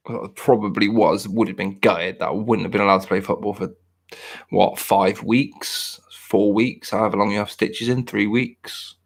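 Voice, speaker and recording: This man in his thirties hosts a podcast and talks in a loose, rambling way, mocking himself and frequently starting his sentences over. He speaks at a normal speed with a lowish, creaky voice and a steady tone.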